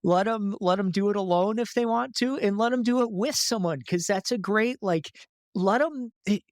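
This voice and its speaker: A man's voice: high voice, normal speed, no room sound, studio quality. A man guest in a casual podcast interview, talking loosely with lots of filler words and easy laughs.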